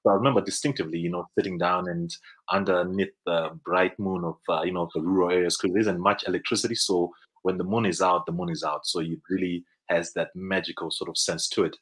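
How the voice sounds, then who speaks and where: A man's voice: low voice, steady tone, fast talker, fairly bright tone, breathy edge, poor audio. A Zimbabwean man in his thirties with a Zimbabwean accent, a business guest telling stories on a video call, rambling with restarts and fillers. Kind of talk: casual interview storytelling. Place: indoor room, video call. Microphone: video call webcam.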